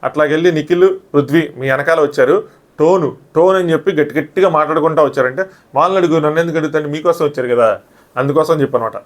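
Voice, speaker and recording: A man reviewing a reality show episode in casual, argumentative talk, often acting out what others said. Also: fairly high pitch. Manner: rapid, argumentative, often acts out quoted lines.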